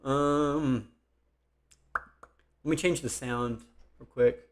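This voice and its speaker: A young man chatting on a live stream from his computer desk, rambling and thinking aloud, speaking louder than his usual soft voice to project. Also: medium pitch, fairly even intonation, very slow. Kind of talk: casual live-stream chat.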